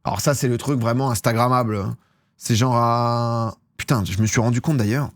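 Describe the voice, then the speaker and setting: A man's voice: medium pitch, normal speed, no echo. A young man from France chatting casually on a live stream, rambling and slangy, often laughing at himself. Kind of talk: casual chat with chat viewers.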